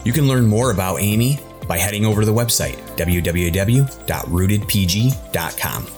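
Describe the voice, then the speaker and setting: A man with a deep voice reads a scripted podcast introduction as an announcer. Music plays clearly underneath his promotional narration. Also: lively intonation, normal speed. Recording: music bed behind voice.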